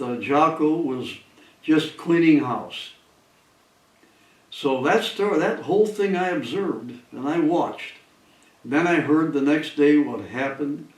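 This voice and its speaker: An older man tells a story in a loose, digressive way, chuckling now and then. His voice sits a little high, and it sounds roomy, as if he is some distance from the mic. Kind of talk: casual spoken storytelling.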